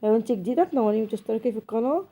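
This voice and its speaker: A woman's voice: on the high side, lively intonation, racing, mellow. An Egyptian woman with a cold, hosting her home cooking channel and chatting directly to viewers as she cooks. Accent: Egyptian Arabic. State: has a cold.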